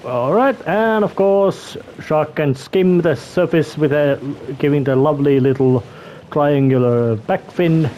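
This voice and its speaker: Higher-voiced man rambling through casual game commentary. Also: a little slow, dark tone, a little hiss or hum. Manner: rambling, hesitant, searching for words. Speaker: gameplay commentator. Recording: faint game music behind. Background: faint music.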